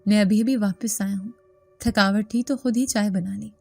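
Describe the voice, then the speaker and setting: Woman reading as a fussy worried husband, blunt and urgent, warm mellow tone, dry close sound. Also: mid-range voice, fairly even intonation, vocal fry, dry recording, faint music behind. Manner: scolding, urgent questions.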